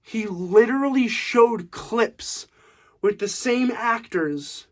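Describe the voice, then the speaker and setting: Animated young man reviewing a movie. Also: high-pitched, slow. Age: young adult. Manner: animated, laughing, with frequent fillers. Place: room at home.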